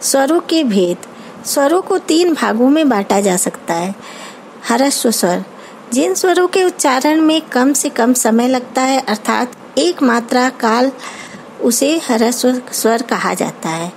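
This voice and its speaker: A woman teacher with an Indian accent giving an online grammar lesson, explaining terms slowly and carefully, as if dictating. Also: sits high, animated, darkish tone, slight background noise, rough recording. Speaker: school teacher.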